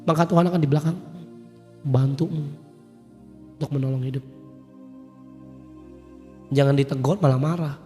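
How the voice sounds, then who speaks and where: Emphatic preacher in an echoing hall. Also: male voice, fairly high pitch, steady tone, normal speed, pauses often. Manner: conversational, swings from loud emphatic peaks to quiet storytelling. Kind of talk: sermon with personal story. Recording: long hall reverb, soft music behind.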